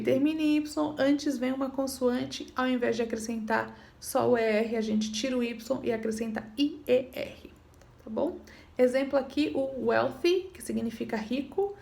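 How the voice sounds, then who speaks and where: A woman's voice: on the high side, creaky, a little mellow. A woman teaching an English grammar lesson, patiently explaining rules and checking in with her students. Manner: patient, repeats points, checks in with "tá bom?".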